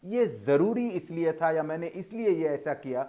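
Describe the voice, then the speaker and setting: A man teaching English pronunciation in a video lesson, explaining in a formal tone with Urdu-flavoured words and slowly drawing out each example word. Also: on the high side, expressive, warm tone. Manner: slow, drawn-out model pronunciations between explanations.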